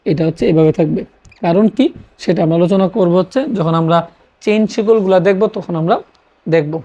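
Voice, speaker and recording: A teacher gives a steady classroom lecture in a mellow, relaxed tone. They repeat each key term and pose questions they answer themselves. The recording sounds a little dull and lo-fi. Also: medium pitch, fast talker. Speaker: chemistry teacher.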